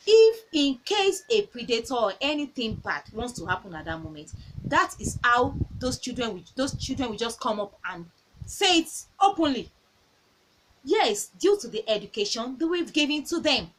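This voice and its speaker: High-voiced woman giving earnest parenting advice. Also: fairly bright tone, low-quality recording. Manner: earnest, repeats phrases, tells personal anecdotes. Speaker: parenting talk host. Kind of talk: casual advice talk.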